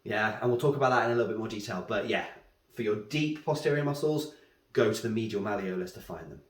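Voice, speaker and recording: Fighting a head cold, a man with a fairly low voice talks quickly through a whiteboard anatomy lesson. He often pauses to ask "yeah?", and the room with the drawing board echoes.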